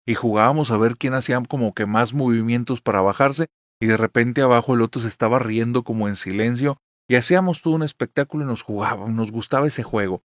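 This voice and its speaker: A man with a Mexican accent tells a first-person horror story in a conversational, confiding way, often turning to address the listener. His voice sits at a medium pitch. The recording is dry and close, with no room around it. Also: fast talker, no room sound. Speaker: narrator. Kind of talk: storytelling narration of a horror tale.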